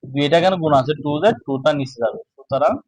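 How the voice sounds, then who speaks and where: A man teaching a math lesson, speaking slowly and asking his own questions before answering them. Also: on the high side, darkish tone, slightly rough, no echo, poor audio. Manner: slow, repetitive, asks and answers own questions. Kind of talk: casual classroom lesson.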